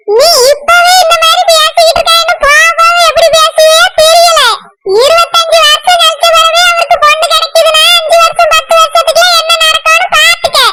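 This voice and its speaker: Woman doing a scolding old village granny. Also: very high-pitched. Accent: Tirunelveli Tamil. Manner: lecturing, scolding. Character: scolding old village grandmother, sharp-tongued. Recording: loud background noise.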